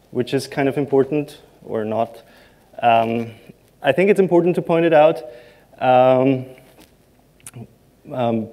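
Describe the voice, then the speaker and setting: With a mellow, mid-range voice, this man in his thirties speaks from a big conference stage. Serbo-Croatian is his first language, and his delivery is halting, peppered with ums and jokes at his own expense.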